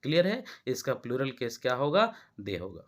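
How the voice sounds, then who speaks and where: A man's voice: mid-range voice, huge pitch swings, normal speed. A man with an Indian accent teaching English grammar in a classroom-style lesson, often stopping to check that students follow. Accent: Indian Hindi-speaking. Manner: explanatory, checks understanding with repeated questions.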